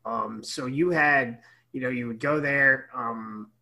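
A man's voice: mid-range voice, takes it slowly, creaky, bright, forceful tone, low-quality recording. A man joining a casual chat as a panelist, loose and filler-heavy with many "like" and "um".

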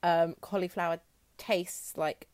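A woman's voice: on the low side, steady tone, slow, darkish tone, clear, resonant tone. A woman co-hosting a casual podcast chat, dry and self-deprecating, laughing often. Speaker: podcast co-host.

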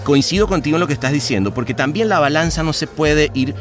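A man's voice: on the high side, fast talker, soft background music. A man with a Venezuelan accent, a podcast guest talking in a reflective, rambling way with many restarts. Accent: Venezuelan Spanish. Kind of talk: casual conversation.

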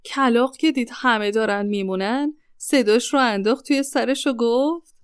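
Clear, close storyteller woman. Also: on the high side, no room sound. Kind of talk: children's story narration.

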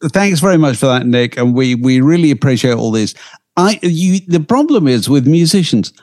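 Lively man telling stories. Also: mid-range voice, normal speed. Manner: lively, chatty storytelling with restarts. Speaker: podcast co-host. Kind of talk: casual chat.

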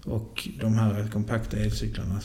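A man co-hosting a casual true-crime podcast, calmly explaining and briefly agreeing. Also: on the low side, a little hiss or hum. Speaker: podcast co-host.

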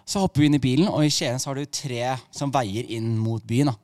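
A man's voice: dry recording, studio quality. Man telling a wild comic story. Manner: animated, wide swings in loudness and pitch. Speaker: comedian guest.

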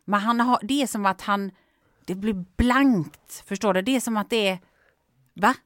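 A woman's voice: medium pitch, no echo, clean studio sound. A woman who is a parent chatting casually and reacting often to the stories. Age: adult, parent. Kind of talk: casual chat.

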